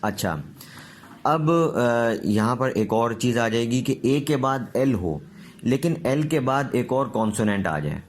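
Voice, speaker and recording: A man's voice: mid-range voice, expressive, a little hiss or hum. A man teaching English pronunciation in a recorded lesson, patiently repeating word lists and checking that his students follow.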